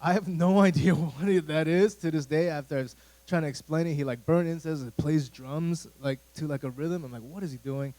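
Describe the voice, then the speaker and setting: Rambling youth pastor, mellow voice. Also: male voice, fairly high pitch, fairly quick, rough recording. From United States. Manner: rambling, conversational, lots of fillers and asides. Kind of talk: casual sermon talk to a youth group. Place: church room.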